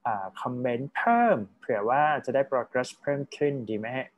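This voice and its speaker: A man tutoring a student over a video call, giving gentle, encouraging feedback and dropping English terms into his talk. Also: medium pitch, fairly even intonation, normal speed, highs cut off. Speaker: IELTS speaking tutor. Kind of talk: casual online tutoring feedback.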